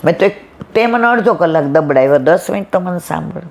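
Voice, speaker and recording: A middle-aged woman speaks. She tells a devotional story in a lively way and acts out both sides of a conversation. A faint hiss sits under her voice. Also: on the low side, a little fast, muffled recording. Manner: lively storyteller acting out dialogue. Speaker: satsang speaker.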